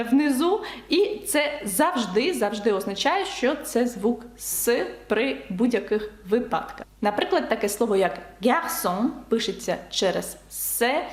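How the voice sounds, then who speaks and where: A woman teaching French in an online lesson, patiently explaining spelling and repeating example words slowly. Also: a little high, echoey room.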